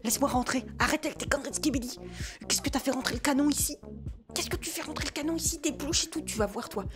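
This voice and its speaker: This is an exasperated mother in a comic game role-play, voiced by a woman. She scolds and nags her unruly little son with a slightly high voice, punctuating orders with tag questions and mild curses. Faint music plays behind her. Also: quick pace, natural voice. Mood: exasperated, scolding. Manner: scolding, peppered with "hein" and mild swearing. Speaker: gaming video creator.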